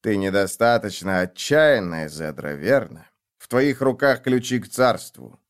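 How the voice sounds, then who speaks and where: A man voicing a cold, disappointed older father who speaks calmly and cruelly. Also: lowish voice. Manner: calm, cold, measured.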